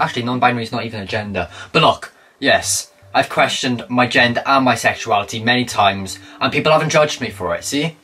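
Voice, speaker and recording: His voice is mid-pitched with a sharp edge as he sarcastically reacts to content. He's a young commentary YouTuber in a small blue-walled room, recorded by a camera set back from where he sits.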